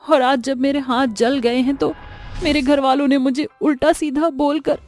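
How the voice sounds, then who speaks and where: A woman's voice: high-pitched, steady tone, moderate pace, a little mellow, faint music behind, lightly acted. A woman voicing an earnest young henna artist in a storybook tale. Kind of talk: storybook voice acting.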